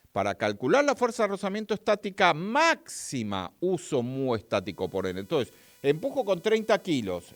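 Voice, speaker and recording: A mid-range male voice with no echo belongs to a physics teacher with an Argentine accent. He's giving a chatty live-streamed lesson, talking directly to his viewers and reading their chat.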